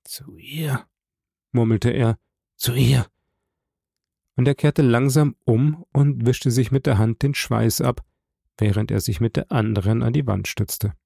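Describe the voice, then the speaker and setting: A man narrating a classic novel as an audiobook, measured and dramatic. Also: medium pitch, gravelly, warm tone, dry recording, clean studio sound.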